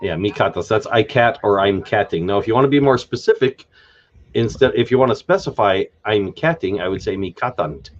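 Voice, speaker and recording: A man's voice: fairly low pitch, lively intonation, fairly quick, muffled recording, slight background noise. A man hosting an unscripted live stream, thinking aloud with many fillers and restarts as he explains a made-up language.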